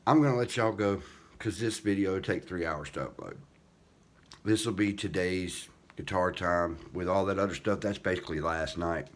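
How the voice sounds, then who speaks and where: An older, deep-voiced man with no teeth and soft-edged diction rambles casually at a normal speed in his guitar vlog, self-deprecating and folksy. Room ambience and clear background noise are audible.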